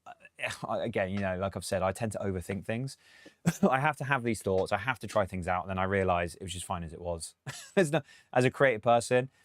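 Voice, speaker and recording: Male producer streaming a tutorial; casual, rambling, laughs a lot, low voice. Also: no echo, studio quality. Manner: chatty, thinks aloud, laughs often. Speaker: music producer.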